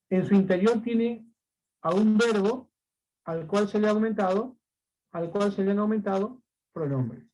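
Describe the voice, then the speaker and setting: A man with a high voice teaches a language class, walking through each rule step by step. He keeps asking rhetorical questions and repeats his key points so students follow along. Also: dark tone, dull audio. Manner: patient, explains step by step. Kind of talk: recorded class lesson.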